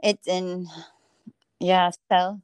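A woman from Philadelphia talking reflectively in a relaxed conversation, acting out her own shouting when she tells stories. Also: lowish voice, very slow, clean tone, no echo. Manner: animated storyteller, acts out her own shouting.

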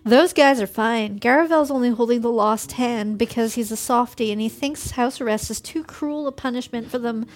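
High-voiced, joking woman player. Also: normal speed, hardly any pauses. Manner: chatty, joking. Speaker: tabletop game player. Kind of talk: casual chat.

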